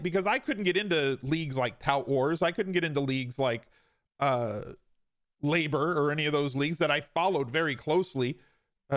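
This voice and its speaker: A man in his forties hosts a podcast, his voice on the high side and a bit bright, telling his own story casually with emphatic repeats and a touch of self-deprecation. The audio is dry and clean, studio sound.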